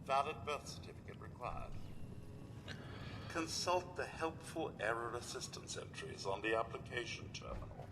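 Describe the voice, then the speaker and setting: A man voicing a male robot clerk at a records office, making flat, clipped computer-processing announcements in a robotic computer voice. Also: mid-range voice, normal speed. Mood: bureaucratic monotone. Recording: game audio with steady background noise.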